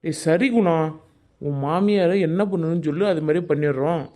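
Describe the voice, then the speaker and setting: A man's voice: on the high side, a little fast, darkish tone, lightly acted. A man voicing a greedy, cautious middle-aged village tough in a cartoon, talking bluntly. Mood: agreeable. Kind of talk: Tamil cartoon voice acting.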